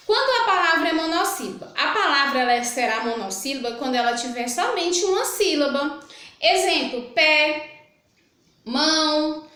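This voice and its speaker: Brazilian woman, a primary teacher, higher voice, patient and repetitive, recorded in a very echoey room. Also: fairly bright tone. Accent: Brazilian Portuguese. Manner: patient, repetitive, checks in with "tá?" after each point. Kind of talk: recorded remote lesson. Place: room with a whiteboard.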